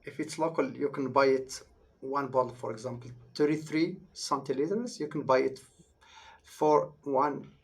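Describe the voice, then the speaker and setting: Casting: male local expert, Moroccan accent, mid-pitched, casual explainer who repeats phrases as he goes. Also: moderate pace. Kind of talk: casual live Q&A.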